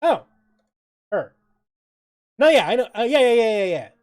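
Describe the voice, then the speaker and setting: Studio-quality audio without room sound captures this gaming livestreamer's medium-pitched voice at a moderate pace. Expect lively joking, mild profanity, chat read aloud and commentary on the game, with background music.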